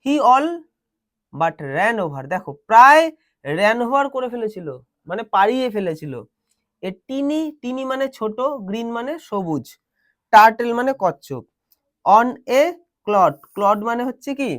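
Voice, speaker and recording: A male teacher giving a classroom lesson. He reads English lines slowly, then explains them and quizzes his students. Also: sits high, lively intonation, a bit bright, dry recording, clean studio sound.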